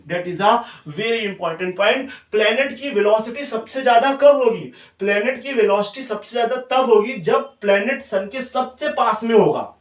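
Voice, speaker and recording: With a high-pitched voice, a measured pace and few pauses, a man lectures a class on physics in Hindi sprinkled with English terms. He repeats points and quizzes students, and the distant mic picks up a roomy sound.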